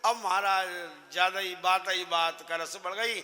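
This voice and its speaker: A man telling a devotional folk story in an animated, conversational way as a religious storyteller. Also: sits high, normal speed, in a large hall.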